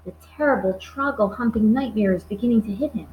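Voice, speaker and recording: A woman voicing a gentle, cautious male giant with quaint muddled grammar and a hushed, confiding manner for a storybook, in an echoey room. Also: mid-range voice, quick pace, muffled recording, slight background noise, natural voice.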